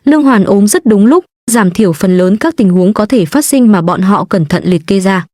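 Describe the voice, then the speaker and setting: Female audiobook narrator, steady and even, dry studio sound. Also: mid-range voice, normal speed, no echo. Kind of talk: storybook narration.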